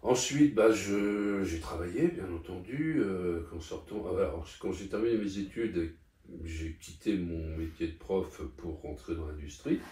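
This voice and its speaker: An older man from Paris, France, recounts his life as an interview guest, hesitating with many fillers and restarts. His low, dark voice moves a little slowly, recorded with a distant mic in an echoey room.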